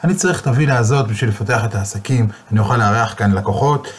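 A man's voice: medium pitch, lightly acted. A man doing a pushy greedy grown son. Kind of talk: storytelling.

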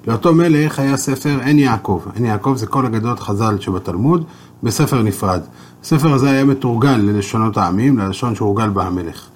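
A man with a husky, slightly breathy voice teaches a Torah lesson. He explains sources and tells a long tale at an even storytelling pace. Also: mid-range voice.

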